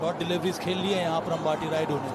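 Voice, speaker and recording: A man's voice: fairly high pitch, flat delivery, fast, heavy background noise. A man giving descriptive live cricket commentary. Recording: loud crowd and music behind. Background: stadium crowd and music.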